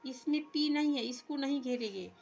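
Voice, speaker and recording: A woman's voice: high-pitched, gravelly, a little mellow, faint music behind. A woman teacher, walking young children through a workbook step by step and translating English words into Hindi. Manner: reads English lines very slowly.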